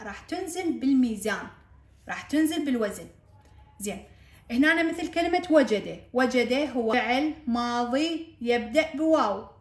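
A woman with an Iraqi accent walks students through a grammar lesson, repeating each point and checking that they follow. Her voice sits a little high and rings in an echoey room. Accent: Iraqi Arabic. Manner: repeats key points, checks understanding with questions. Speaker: Arabic grammar teacher. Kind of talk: classroom-style lesson explanation.

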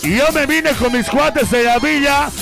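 A man working as a party MC and DJ, brashly taunting and hyping a live dance crowd with shouted calls. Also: extremely high pitch, a little slow, creaky. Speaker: party MC and DJ host. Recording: live PA over loud music. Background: loud party music.

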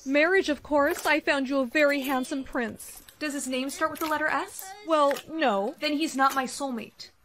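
A woman's voice: high-pitched, normal speed, a bit bright, a little hiss or hum. A young woman playing earnest fairy-tale royal court characters in a short social-media skit.

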